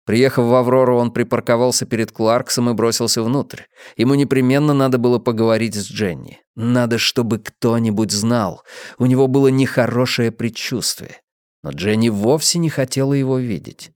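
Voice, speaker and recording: A man reading an audiobook in a measured, steady narration. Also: mid-range voice, no echo. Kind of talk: scripted narration. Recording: dry close studio sound.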